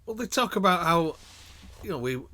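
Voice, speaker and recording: A man's voice: high-pitched, lively intonation, moderate pace, sharp tone. A man from England co-hosting a podcast, chatting casually and dropping dry, wry remarks. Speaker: podcast co-host. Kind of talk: casual chat.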